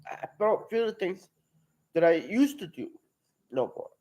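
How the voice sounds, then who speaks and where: Halting, high-voiced young man giving testimony. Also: very animated, mellow, poor audio. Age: 20s. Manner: halting, repeats and restarts words. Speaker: testimony speaker at a live-streamed outreach. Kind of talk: personal testimony.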